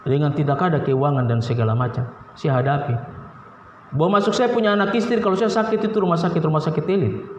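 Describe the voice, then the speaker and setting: A male pastor with a Papuan Indonesian accent preaching a sermon, swinging from low pleading to sharp high outbursts, recorded in a church hall. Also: slight background noise. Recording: roomy, dull, reverberant church recording.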